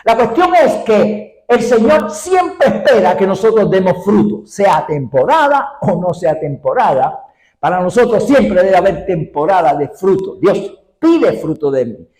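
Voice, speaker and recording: A male preacher, giving an animated sermon and acting out the dialogue. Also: high voice, roomy sound, poor audio. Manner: animated, acts out dialogue with shouts and laughs.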